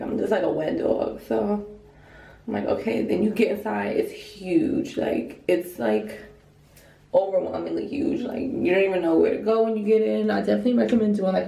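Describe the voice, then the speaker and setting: A woman's voice: medium pitch, normal speed, vocal fry, dark tone, roomy sound. A young woman vlogging casually about her trip, rambling and filling every sentence with "like". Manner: chatty and rambling, says "like" constantly. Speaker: travel vlogger. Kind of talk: casual chat to camera. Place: hotel room.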